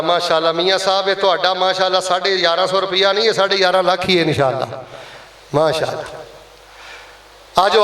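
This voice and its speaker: During a Friday sermon, a man with a Punjabi accent leads a fundraising appeal for a mosque, coaxing the congregation and blessing them. His voice sits high and sounds a bit bright, with a roomy acoustic.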